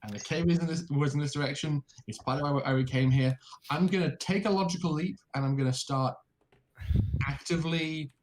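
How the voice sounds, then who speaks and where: A man playing a tabletop role-playing game, talking casually in halting, stammered repeats. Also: fairly high pitch, steady tone, a little hiss or hum, low-quality recording.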